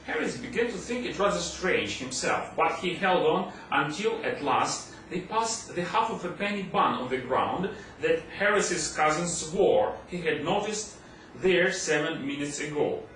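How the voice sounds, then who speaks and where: An audiobook reader with a fairly high, bright, expressive voice narrates a humorous classic story from a script, at a slightly slow pace. The recording sounds distant, in a very echoey room with faint noise.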